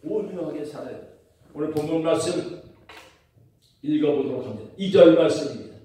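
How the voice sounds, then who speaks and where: A male pastor preaching a sermon in a church, asking the congregation questions and building to loud emphatic declarations. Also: a little high, animated, a little fast. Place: church sanctuary. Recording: very echoey church hall, mic far off.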